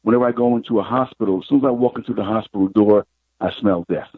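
Husky middle-aged man over a phone line. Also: fairly low pitch, dry recording. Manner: unhurried, reflective, retells scenes with quoted dialogue. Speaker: psychic guest. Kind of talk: personal storytelling in an interview.

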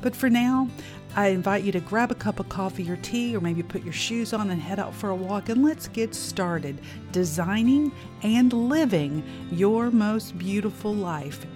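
A woman hosting her own podcast, delivering a scripted monologue in an expressive, emphatic and inviting way. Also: medium pitch, a little slow, over music. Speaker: podcast host.

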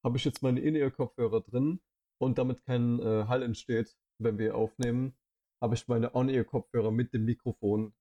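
Mellow-voiced young man on a headset. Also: medium pitch, steady tone, normal speed, muffled recording. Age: 20s. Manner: rambling, casual, many fillers. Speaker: podcast co-host. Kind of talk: casual podcast chat. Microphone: headset microphone.

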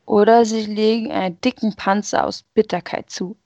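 A woman's voice: mid-range voice, steady tone, normal speed, a little mellow, dry recording, lightly acted. Woman reading as sorrowful Sadness, earnest, plaintive, storybook reading, dry dull sound. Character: sorrowful, rejected female personification of Sadness.

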